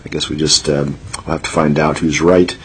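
A deep-voiced man chairs a legislative hearing. He talks plainly, with frequent ums, over a faint hum of room noise. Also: little pitch movement, moderate pace, a bit bright, poor audio. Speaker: committee chair.

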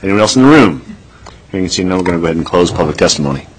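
A man's voice: low-pitched, expressive, rapid-fire, very noisy. A man chairing a legislative committee hearing, speaking plainly with frequent ums.

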